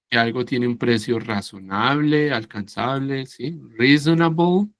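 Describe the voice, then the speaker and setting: A man teaching an English class over a video call talks at an unhurried, deliberate pace and keeps stopping to make sure his students understand. His voice sits at an ordinary middle pitch and sounds close and dry, with no room echo. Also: a bit bright. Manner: slow, patient, checks understanding with "¿sí?" and "¿cierto?". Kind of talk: online class explanation.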